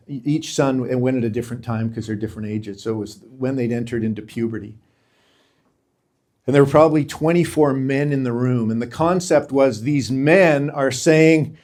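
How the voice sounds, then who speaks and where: A man's voice: medium pitch, a little mellow. Earnest middle-aged man giving a rousing talk. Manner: earnest, preacher-like, emphatic cadence. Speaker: speaker at a men's gathering. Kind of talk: inspirational talk.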